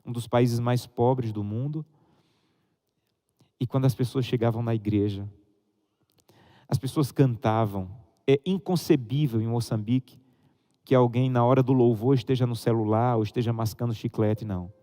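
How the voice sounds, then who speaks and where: A man's voice: moderate pace, big-room sound. A Brazilian man preaching a sermon, telling stories and acting out the voices of the people in them. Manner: animated storytelling, acting out a child's high excited voice. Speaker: pastor. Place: church hall.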